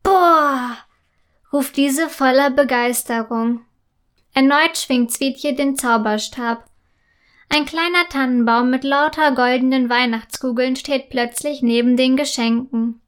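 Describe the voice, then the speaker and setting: A woman narrating a children's story in a calm, clear and gently expressive way. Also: high-pitched, unhurried.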